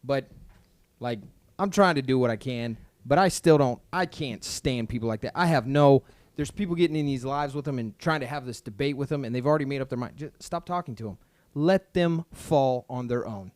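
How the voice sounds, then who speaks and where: A man's voice: medium pitch, fairly quick, darkish tone, no echo. A young man co-hosting a podcast in casual chat, blunt and dismissive, swearing freely. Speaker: podcast co-host.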